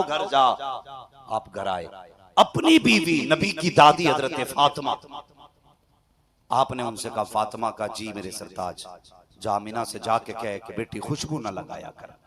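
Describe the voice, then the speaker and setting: A man's voice: medium pitch, lively intonation, normal speed, creaky. A man preaching a sermon, telling a story to a live gathering and rising into dramatic outbursts. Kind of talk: Urdu-Hindi religious sermon. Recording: crowd noise at a live gathering. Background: crowd of listeners.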